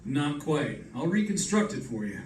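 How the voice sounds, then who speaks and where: In a live old-time radio drama, a man plays an unflappable, wry detective reconstructing a murder, sounding assured, matter-of-fact and wryly confident. His fairly high, slightly mellow voice moves in a sing-song way at normal speed. The recording is echoey, with a distant mic on stage and background noise.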